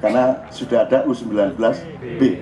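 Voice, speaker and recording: A man's voice: mid-range voice, fairly even intonation, fairly quick, mellow. An older man with an East Javanese accent giving an informal, playful sermon to a gathering, teasing the crowd and acting out exclamations. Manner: playful, teasing, laughs often, acts out exclamations. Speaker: preacher leading a public religious gathering. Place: outdoor plaza gathering. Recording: dull live outdoor recording, faint background noise.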